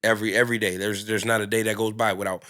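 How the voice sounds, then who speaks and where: A man's voice: lowish voice, little pitch movement, racing, pushed and bright, clear, resonant tone. A man, a restaurant owner and guest, talking candidly in loose street slang, full of fillers and restarts. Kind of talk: candid casual conversation.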